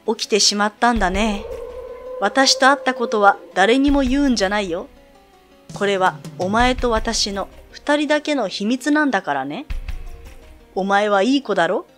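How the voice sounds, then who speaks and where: A woman voicing a creepy upside-down female ghost who coaxes and threatens in a low, croaking voice. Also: expressive, normal speed, a bit bright, faint music behind, lightly acted. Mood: coaxing, sinister. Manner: coaxing then threatening.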